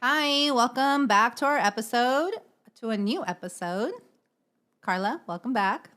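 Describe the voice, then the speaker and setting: A woman's voice: on the high side, animated, unhurried, a bit bright, faint music behind. A woman co-hosting a podcast in casual chat, explaining earnestly at length and often checking in with "right?". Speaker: podcast co-host.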